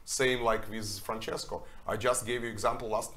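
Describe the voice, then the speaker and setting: A man's voice: on the low side, fairly even intonation, moderate pace, a bit bright. A man from Russia, speaking earnestly and emphatically on a panel as a documentary filmmaker, with broken grammar. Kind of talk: panel discussion.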